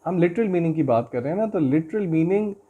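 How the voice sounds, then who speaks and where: A man teaching a Quran recitation and tafseer lesson, chanting verses slowly and melodically, then explaining them in quick conversational speech. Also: fairly high pitch, animated, slightly rough, phone-quality sound.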